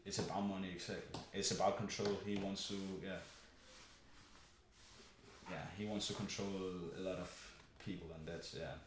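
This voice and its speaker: A young man rambles in casual conversation, profane and full of fillers. His low voice keeps a steady tone at a normal speed, and the recording comes from a very echoey room with faint noise.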